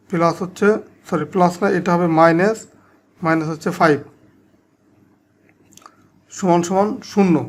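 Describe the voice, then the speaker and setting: A man teaching a math lesson step by step, speaking directly to his students in Bangladeshi Bengali. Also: high voice.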